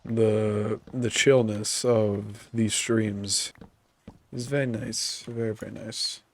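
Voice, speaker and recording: A man streams a video game and offers casual commentary, rambling in a relaxed way with plenty of fillers. His voice is on the low side, slow and gravelly, and congested from a cold.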